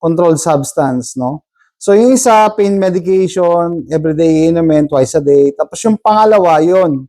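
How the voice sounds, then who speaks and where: High-voiced, mellow man telling a story. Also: lively intonation, moderate pace. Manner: chatty, rambling, tags sentences with "no?". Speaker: vlogger. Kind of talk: casual storytelling to viewers.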